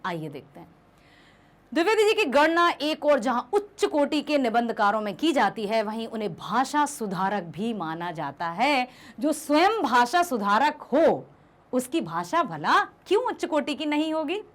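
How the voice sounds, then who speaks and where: A young woman teacher giving a lively revision lesson, asking her students questions and explaining patiently. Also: fairly high pitch, measured pace. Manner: addresses students affectionately as "beta". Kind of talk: Hindi class revision lesson.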